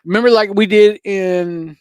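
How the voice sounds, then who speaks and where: Casting: earnest male co-host, high clear voice, dry close sound, lots of fillers. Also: fairly even intonation, unhurried, no echo. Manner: earnest, rambling with many fillers. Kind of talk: casual recovery talk.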